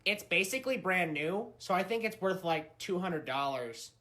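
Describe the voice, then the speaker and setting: A man's voice: sits high, lively intonation, normal speed, heavy background noise. A man playing a petulant, stubborn oddball with a tense manner in a comedy skit. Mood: stubborn, oblivious.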